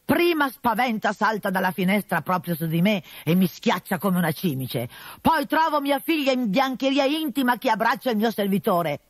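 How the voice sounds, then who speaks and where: A woman with a medium-pitched, very animated voice plays an irate old merchant father, pitching above her natural voice as he scolds and splutters in fury. She speaks at normal speed, and the studio recording is clean with no room sound.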